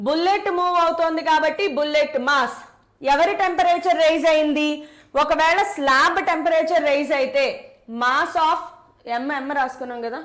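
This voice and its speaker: A woman teaches a live physics class in a high, bright-pitched voice. She talks briskly, repeats each step of the equation and slips English terms into her speech while answering students in the chat. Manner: brisk, repeats key steps, mixes English terms into Telugu. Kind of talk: live online lesson with chat replies.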